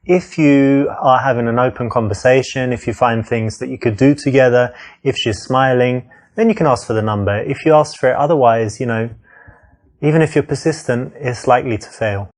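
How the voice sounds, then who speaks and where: A man's voice: mid-range voice, brisk, a little mellow. Chatty London man coaching dating. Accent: London English. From England. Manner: breezy, chatty, plenty of "you know" fillers. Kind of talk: demonstration chat with coaching asides to camera.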